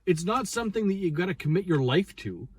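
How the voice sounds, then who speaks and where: A man's voice: high voice, very animated, quick pace, darkish tone, breathy edge, no echo. A man co-hosting a casual movie review chat with playful, bantering talk. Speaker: podcast co-host.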